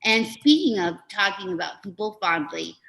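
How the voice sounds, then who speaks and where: A woman comedian hosting a show, telling a rambling deadpan bit with many fillers, then handling business. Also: medium pitch, normal speed, vocal fry, low-quality recording. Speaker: host.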